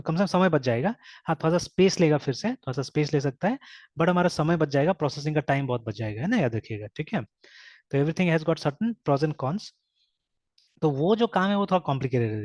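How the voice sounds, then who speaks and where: A man's voice: fairly high pitch, a little mellow, no echo. A man teaching a programming class who mixes Hindi and English, repeats his points and keeps saying "okay" as he explains step by step. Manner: mixes Hindi and English, says "theek hai" constantly. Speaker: programming instructor. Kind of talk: live coding lecture. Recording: dull, dry lo-fi mic sound.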